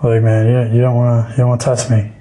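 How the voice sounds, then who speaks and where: A man's voice: mid-range voice, completely flat delivery, quick pace, dark tone. A man talking as a podcast guest in a boastful, profane, laid-back way. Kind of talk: casual podcast chat.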